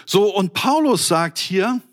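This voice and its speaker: A middle-aged man preaching an animated sermon to an online audience, speaking directly and colloquially to his listeners and telling stories. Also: high voice, slow. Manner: colloquial with English words.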